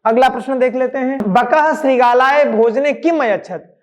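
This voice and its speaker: A man's voice: very high-pitched, normal speed. Guy teaching sanskrit to kids, goes step by step, asks then answers his own questions. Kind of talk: classroom lesson explanation. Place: school.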